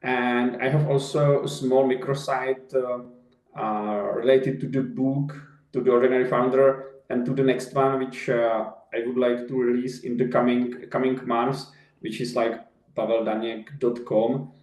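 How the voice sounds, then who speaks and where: Slavic-accented man, halting and echoey. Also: mid-range voice, flat delivery, darkish tone. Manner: halting, many restarts and repeated words. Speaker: guest, company founder. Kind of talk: casual interview answers. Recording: echoey room.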